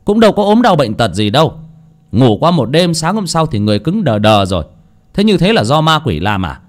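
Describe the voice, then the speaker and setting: A man's voice: a little high, very animated, a little fast, pitched above the performer's own voice. A man playing a stern older village chief who lectures the villagers in a bossy way.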